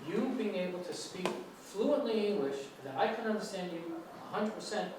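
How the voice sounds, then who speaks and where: A US-born lecturer with a New York accent talks to students about English in a high-sitting voice at normal speed. He's comforting but wanders, with many restarts, and the sound is noisy and distant, echoing around a hall.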